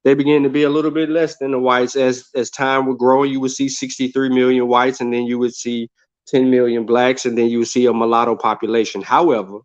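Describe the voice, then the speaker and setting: A man with an American accent and a mid-range voice argues informally in a debate. He is dismissive and taunting, often halting mid-phrase. The sound is a little dull and lo-fi. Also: mid-range voice, flat delivery. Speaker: debate panelist. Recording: dull lo-fi online audio.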